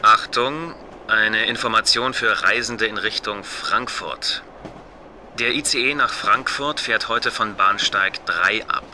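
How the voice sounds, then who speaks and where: A man with a low, slow and very bright voice gives a formal announcement over a station PA loudspeaker. He sounds measured and official, like a scripted listening exercise. Faint noise sits behind him. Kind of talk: scripted textbook listening dialogue.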